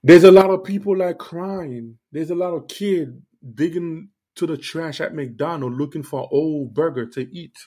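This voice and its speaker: Born in Haiti, this man hosts a faith podcast and talks directly to his audience with earnest, preachy conviction and plenty of fillers. His voice is fairly high and warm, moving at a normal speed through the casual monologue.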